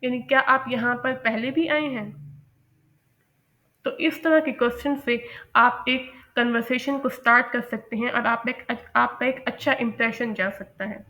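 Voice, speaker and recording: Female language teacher, lecturing patiently, saying English examples slowly and clearly. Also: a little high, steady tone, pushed and bright. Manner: slow, careful enunciation of English example sentences. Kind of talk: lecture explaining English phrases.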